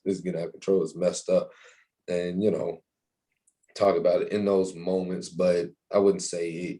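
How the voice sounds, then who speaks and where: A man's voice: sits low, dark tone. A young man talking casually in an interview, with many restarts and fillers. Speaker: interviewee, university staff member.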